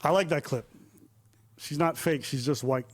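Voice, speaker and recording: A man on a stream giving playful, laughing commentary, heard over loud background noise. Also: on the high side, moderate pace. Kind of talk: streamed banter.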